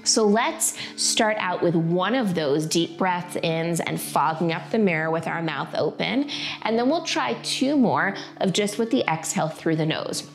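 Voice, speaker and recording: Woman yoga instructor guiding breathing, soft music. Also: lowish voice, lively intonation, unhurried. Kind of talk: guided breathing lesson, conversational instruction.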